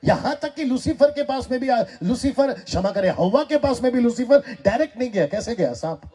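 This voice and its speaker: An Indian man preaches in a high, lively voice that swoops up and down. His tone is mellow and a little husky. He teases the congregation and keeps calling on them to answer back. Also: a little fast. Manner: animated, teasing, asks the crowd to answer back. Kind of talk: sermon with call-and-response. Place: church meeting hall.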